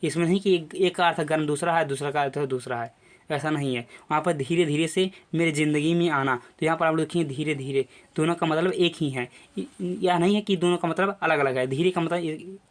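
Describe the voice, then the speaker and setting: Man teaching in a slightly high voice. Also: a little fast. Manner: repetitive, explains step by step with filler phrases. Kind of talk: classroom lecture video.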